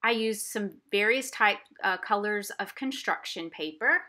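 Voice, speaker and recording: For a museum family program, a woman art instructor speaks in an unhurried, bright, forceful mid-range voice. At an indoor craft table, she shows children a craft with simple explanations directed at young viewers.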